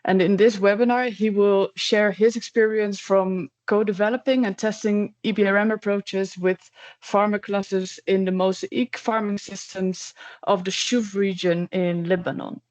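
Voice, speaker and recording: A woman moderating a webinar, introducing speakers with halting fillers. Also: mid-range voice, steady tone, a little mellow, no echo. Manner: halting, with many "uh"s.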